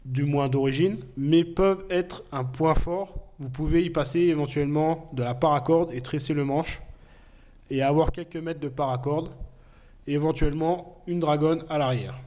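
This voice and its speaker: A man with a cold reviews a knife casually, plainly and earnestly, his voice on the high side, mellow, and moderately paced. He hesitates often and fills gaps with plenty of fillers.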